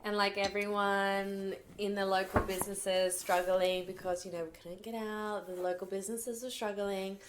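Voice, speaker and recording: A woman's voice: medium pitch, little pitch movement, moderate pace, few pauses, slight background noise. A woman, co-hosting a casual podcast chat with playful, teasing banter. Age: 30s. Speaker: co-host.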